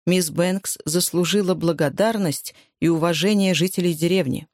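A narrator reading a novel aloud in an even, measured way. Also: medium pitch, dry recording, studio quality. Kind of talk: audiobook narration.

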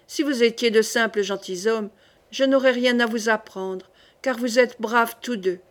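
A woman's voice: a little high, unhurried, lightly acted. A woman voicing a cold, commanding queen mother in an audiobook reading.

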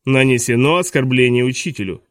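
A man's voice: mid-range voice, a little fast, dry recording, studio quality, natural voice. A man doing a bossy, smug school tyrant. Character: petty, tyrannical male vice principal. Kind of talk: audiobook dialogue reading.

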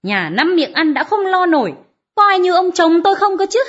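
A shrill peasant wife, as a woman acts her out, high-pitched and swinging wildly up and down as she nags and scolds. Her harsh, bitter voice comes through a dull, lo-fi audiobook recording. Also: big pitch swings, normal speed, a bit bright. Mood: nagging. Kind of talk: audiobook character reading.

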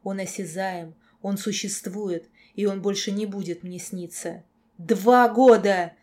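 Mellow-voiced woman narrating a novel. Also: medium pitch, unhurried. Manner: expressive, emotional reading. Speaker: audiobook narrator. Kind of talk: first-person novel narration.

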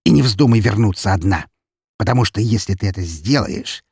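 A man's voice: on the low side, lively intonation, brisk, gravelly, a little mellow, breathy edge, no echo, studio quality, full character voice. A man voicing a cruel, menacing nobleman who snarls harsh threats and drags out his words. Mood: raging. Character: cruel menacing nobleman count, brutal and cold.

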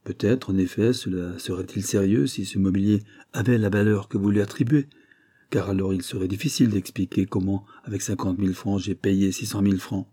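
A man with a husky voice voicing a desperate secretary who protests his innocence in an audiobook. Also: fairly low pitch, steady tone, a little fast, warm tone, dry recording, clean studio sound. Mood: indignant. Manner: agitated, indignant protests.

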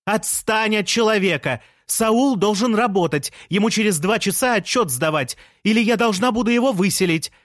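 Male narrator doing a raised-pitch commanding woman, storybook audio, dry sound. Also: animated, moderate pace, few pauses, dry recording. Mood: angry shouting. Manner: shrill commanding shouts. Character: bossy shouting woman, ex-wife, fiery.

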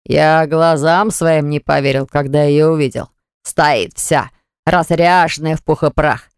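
An audiobook narrator voicing a smug, scornful man who gloats and yells when pinned down, in a smooth voice. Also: mid-range voice, fairly even intonation, measured pace, dry recording, clean studio sound, close to an everyday voice.

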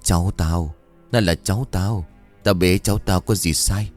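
A man voicing a crazed old village woman with a slow, eerie, drawn-out delivery. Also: sits low, darkish tone, faint music behind. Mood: defiant, pleading.

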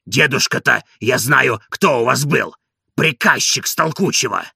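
A man voicing a hoarse, devoted old servant in an audiobook, indignant and boastful. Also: medium pitch, expressive, measured pace, sharp tone, dry recording, studio quality, heavily acted. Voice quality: gravelly, hoarse.

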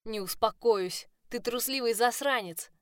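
A woman's voice: a little high, a little slow, clean tone, no room sound, clean studio sound, voice pushed up, close to an everyday voice. A woman voicing an angry, betrayed young heroine in a first-person audiobook. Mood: furious. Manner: shouting, accusing.

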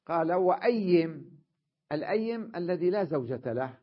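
A man's voice: fairly high pitch, lively intonation, moderate pace, husky. A man teaching an Arabic grammar class, explaining patiently and often checking that his students follow. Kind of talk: classroom lesson. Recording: dull lo-fi lecture recording.

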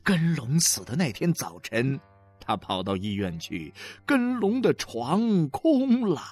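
A man's voice: a little high, wildly swooping pitch, takes it slowly, darkish tone. A man narrating a literary novel as an audiobook, dramatic and emotionally varied, with faint music behind.

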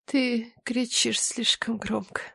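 A woman voicing a dying young woman, breathy and faint. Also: on the high side, fairly even intonation, sharp tone, no room sound, heavily acted. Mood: weak. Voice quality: breathy, hoarse, weak. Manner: faint, halting whispers. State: wounded, barely able to speak. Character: young woman, wounded and fading.

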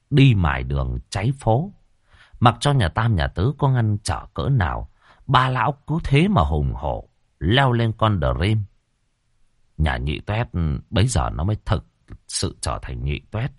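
Man narrating with a very lively pitch. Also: breathy edge, no room sound, studio quality. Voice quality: dramatic, colloquial. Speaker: storyteller. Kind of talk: comic ghost-story narration.

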